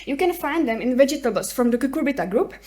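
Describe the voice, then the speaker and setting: A woman's voice: high-pitched, animated, fast talker, mellow. A woman from the Czech Republic with a Czech accent, giving a medical case presentation and putting questions to her listeners. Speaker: hospital clinician presenting a case report. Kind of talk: conference presentation.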